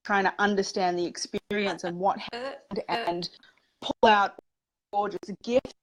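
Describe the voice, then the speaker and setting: A woman talks over a video call, her connection stuttering and cutting out now and then. Her voice sits at a middling pitch, and she speaks in a thoughtful, easygoing way, often padding with "you know.". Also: a little slow, low-quality recording. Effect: voice heard over a video call, connection breaking up. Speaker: life coach, guest. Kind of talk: casual interview conversation.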